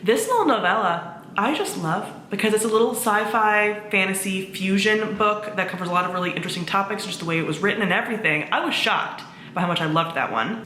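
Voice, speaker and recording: A book reviewer hosting a video chats casually to camera in a mid-range, slightly bright voice, gushing and informal with some mild swearing. The room echoes and there's faint background noise.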